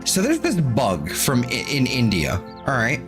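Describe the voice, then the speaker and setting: Guy rambling over a game stream, restarts his sentences a lot, voice jumps around, game music clear behind. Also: medium pitch, wildly swooping pitch, unhurried. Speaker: co-player on a gaming stream. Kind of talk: casual gaming chat.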